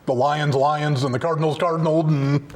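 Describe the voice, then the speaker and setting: A man on a sports talk panel, making short, dry remarks with halting starts. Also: a little high, fairly even intonation, darkish tone, a little hiss or hum. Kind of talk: casual sports chat.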